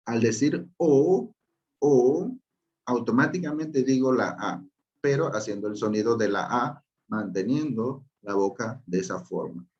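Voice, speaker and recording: A man's voice: mid-range voice, normal speed, lo-fi sound. A man teaching a language lesson, patiently explaining pronunciation, repeating key points and checking in with his listeners.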